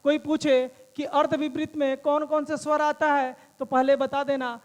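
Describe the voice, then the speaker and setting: High-voiced man teaching with lots of repetition. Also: flat delivery, normal speed, long reverb tail. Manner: repeats questions and answers them himself; calls students "friend". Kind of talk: exam-prep lesson.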